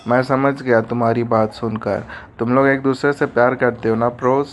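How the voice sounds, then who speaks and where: A meddling, grumpy old man, played by a man, threatens and tattles in a prying tone. His pitch is middling with faint noise underneath, in an animated storybook retelling. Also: moderate pace, lightly acted.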